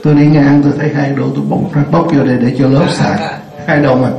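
An older man teaching a classroom lesson, chatty and joking, repeating words slowly so they sink in. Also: a little high, little pitch movement, creaky, crowd noise. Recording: roomy, dull lo-fi classroom recording.

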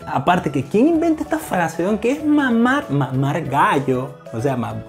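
A man's voice: sits high, sing-song, a little slow, soft background music. A man from Venezuela with a Venezuelan accent, casually explaining slang to the camera in a playful way and acting out examples. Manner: playful, acts out examples in put-on voices, laughs often.

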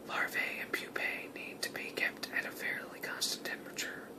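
A person whispering a scripted nature lesson in a hushed, wildlife-watching ASMR manner. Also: moderate pace. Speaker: nature video narrator.

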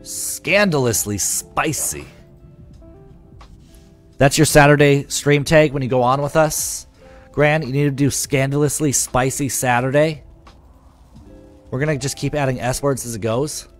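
Man, live streamer, casual profane chat, reads comments aloud, mid-pitched voice, soft music underneath. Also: fairly even intonation, moderate pace.

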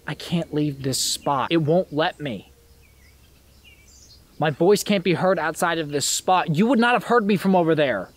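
A man's voice: a little high, unhurried, lightly acted. An actor playing a polite, earnest ghost of a man lost since the 1950s, from Illinois, in a film drama. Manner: earnest, polite, old-fashioned.

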